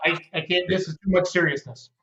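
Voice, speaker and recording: A man's voice: sits high, steady tone, rapid-fire, a crowd in the background. A man chatting casually as a talk show co-host. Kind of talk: casual chat. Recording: dull lo-fi, echoey room.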